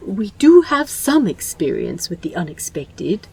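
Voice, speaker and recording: Fussy polite male angel, husky voice, lively pitch, earnest, woman voicing him, fan audio drama. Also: measured pace, soft background music, heavily acted. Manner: earnest, genteel, a little indignant.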